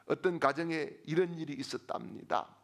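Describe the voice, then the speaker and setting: A middle-aged man preaching a sermon as pastor, building to shouted refrains and telling humorous stories with voices. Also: fairly high pitch, fairly even intonation, moderate pace.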